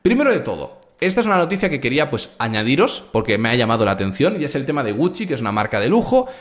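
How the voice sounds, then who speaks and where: Brash crude man, live crypto stream, swooping lively pitch, mid-range voice. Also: quick pace. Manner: brash, crude, animated, talks straight to chat. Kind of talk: live stream market commentary.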